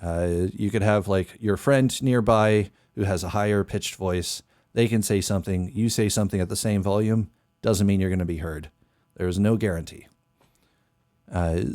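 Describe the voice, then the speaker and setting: A young man with a very deep, darkish voice hosts a casual live stream as a music producer from his small bedroom studio. His boom-arm studio mic and headphones yield studio-quality sound with no room echo, while he drifts along thinking aloud with many fillers.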